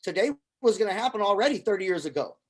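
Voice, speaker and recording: A middle-aged Syrian man, a film producer and army veteran, talks earnestly in a casual conversation, often repeating words as he begins a thought. His voice sits high and is expressive, and he speaks fast.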